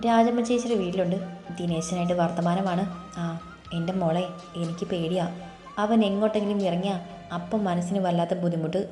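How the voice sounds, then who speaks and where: In a storybook reading, a woman voices a caring, worried middle-aged mother who comforts and gently scolds. Her voice is fairly low, brisk, and natural, with faint music playing in an echoey room.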